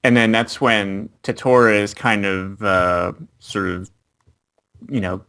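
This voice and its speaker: A man's voice: on the low side, takes it slowly, creaky, fairly bright tone, clean tone. A man co-hosting an anime review, recapping the episode plot in casual chat with frequent fillers.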